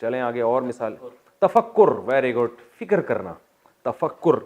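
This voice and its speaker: A man with a Pakistani accent teaches a classroom lecture on Arabic grammar for the Quran. He spells out word forms slowly and deliberately, then slips into quick, joking asides to his students. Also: mid-range voice, very animated, a little mellow, highs cut off. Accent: Pakistani Urdu. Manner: jokes with students.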